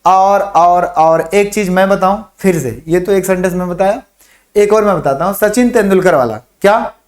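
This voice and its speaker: A man with a fairly high voice leads a chemistry class, drilling memory sentences for the periodic table. He repeats each phrase slowly for dictation and keeps asking and answering his own questions in a classroom manner. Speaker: chemistry teacher. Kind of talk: online classroom lesson.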